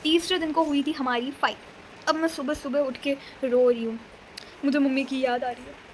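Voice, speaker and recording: High-voiced chatty young woman vlogger. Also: fairly even intonation, moderate pace, slight background noise. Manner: chatty, dramatic, mixes English words into Hindi. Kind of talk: casual chat to camera.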